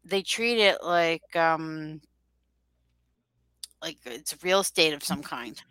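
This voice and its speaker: A woman's voice: low-pitched, animated, takes it slowly, a bit bright, smooth, dry recording, rough recording. A woman hosting a podcast, chatting casually in loose, rambling sentences. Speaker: podcast host. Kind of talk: casual chat.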